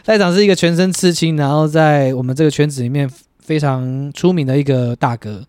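A man's voice: on the high side, fairly quick, a little mellow, clean tone, no echo, studio quality. A man hosting a casual podcast, telling stories animatedly and laughing often. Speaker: podcast host.

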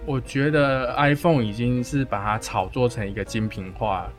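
A man's voice: medium pitch, fairly even intonation, brisk, soft background music. A Taiwanese-accented man co-hosting a casual podcast chat, his words slightly slurred by the braces he wears. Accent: Taiwanese Mandarin. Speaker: podcast co-host.

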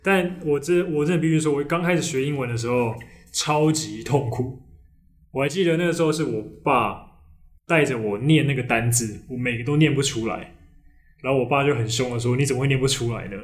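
A man's voice: medium pitch, fairly quick. A man with a Taiwanese Mandarin accent hosting a casual podcast chat, telling stories with frequent restarts and fillers. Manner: hesitant storyteller, many restarts and fillers. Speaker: podcast host.

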